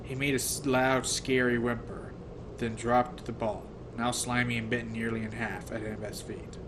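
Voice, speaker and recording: A male audiobook reader narrates a first-person novel in a mid-pitched voice, with flat delivery at a normal speed. Now and then he trips and rereads phrases, and noticeable noise runs through the recording.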